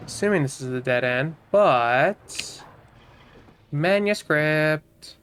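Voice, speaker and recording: A man's voice: a little high, animated, slow pace, fairly bright tone, slight background noise. A man giving casual let's-play commentary, muttering and mocking himself to viewers as he plays at a desk mic. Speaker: gamer streaming a playthrough.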